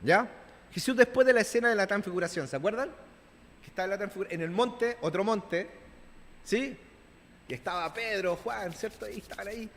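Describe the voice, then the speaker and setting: A man's voice: high-pitched, fairly quick, fairly bright tone, slight background noise. A man with a Chilean accent preaching a conversational sermon to his congregation, often checking in with them and acting out scenes. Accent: Chilean Spanish. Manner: acts out biblical dialogue in playful voices. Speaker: pastor. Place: church. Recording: long reverb of a church hall.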